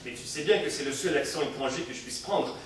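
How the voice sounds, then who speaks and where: A man's voice: mid-range voice, quick pace, natural voice. An actor playing an evasive, glib husband who chats and laughs his way around questions, on an echoey, distant recording. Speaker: husband in a comic sketch. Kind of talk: old-time recorded comic dialogue. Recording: distant, echoey, faint hiss.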